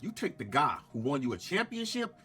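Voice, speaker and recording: A man's voice: on the high side, sing-song, brisk, pushed and bright, husky. A man delivering scripted, opinionated sports commentary as an emphatic, dramatic exposé with a smug, sarcastic edge. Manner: emphatic, dramatic, rhetorical questions. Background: music.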